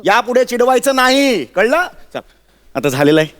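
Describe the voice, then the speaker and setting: A man's voice: very high-pitched, sing-song, normal speed, fairly bright tone, soft background music, full character voice. An actor playing a father-in-law who scolds his daughter in a theatrical way and keeps repeating the same line, in a stage comedy sketch. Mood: blustering.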